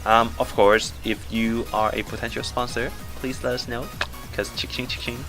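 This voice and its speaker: A man's voice: medium pitch, level tone, normal speed, music in the background. A young man from Canada co-hosting a podcast, joking in upbeat, rambling casual chat from a small home studio. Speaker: podcast co-host.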